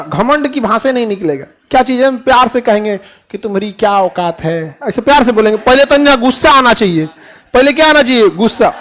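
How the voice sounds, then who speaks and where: A man gives a lively motivational speech to his students. His manner is folksy and full of jokes. He often asks the class a question and answers it himself. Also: very high-pitched. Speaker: teacher giving a motivational talk.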